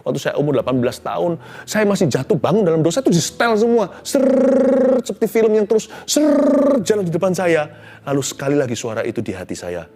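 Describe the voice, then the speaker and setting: Animated pastor with lively, swinging delivery. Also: male voice, fairly high pitch, quick pace. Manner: animated storytelling, mixing in English phrases; swings between loud exclamations and hushed tones. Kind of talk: sermon.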